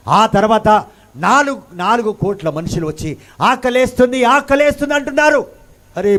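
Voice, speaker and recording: A man preaching a sermon, firing rhetorical questions and swinging between hushed and loud delivery, mixing in English phrases. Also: high-pitched. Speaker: pastor.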